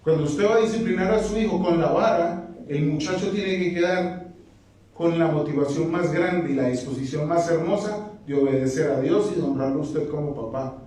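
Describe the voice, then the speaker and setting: A man's voice: a little high, moderate pace, a little mellow, slight background noise. A man preaching a sermon to a congregation, firing rhetorical questions at them and dropping joking asides. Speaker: pastor. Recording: very echoey hall, mic far off.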